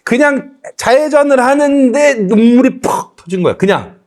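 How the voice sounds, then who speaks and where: A man's voice: very high-pitched, moderate pace. A man in casual chat, telling an emotional personal testimony and acting out his prayers and bits of hymns. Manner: animated storyteller who acts out his own prayers and sings hymn lines. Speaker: guest comedian sharing testimony.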